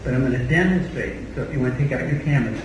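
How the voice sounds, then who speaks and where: A man's voice: medium pitch, lively intonation, racing, lo-fi sound. An Australian man, a body language trainer, leading a live seminar demonstration and drilling the audience with countdowns. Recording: echoey hall, mic far off, noisy.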